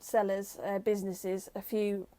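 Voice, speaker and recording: A woman's voice: medium pitch, little pitch movement, unhurried, mellow. A woman from the UK co-hosting a reselling channel, chatting casually with dry jokes and fillers. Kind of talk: casual chat.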